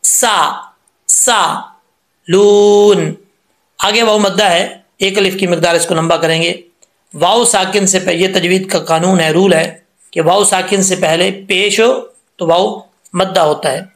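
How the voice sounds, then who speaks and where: A man teaches Quran recitation, drawing out syllables and repeating them patiently. His voice sits high, and it rings around a reverberant room. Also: fairly even intonation, normal speed, a bit bright. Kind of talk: tajweed lesson explaining letter sounds.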